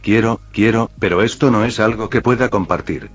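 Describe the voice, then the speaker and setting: A man's voice: on the low side, normal speed, breathy edge. A man voicing a shaken, secretive teenage boy in a read-aloud fan story, speaking tensely. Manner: tense, frustrated.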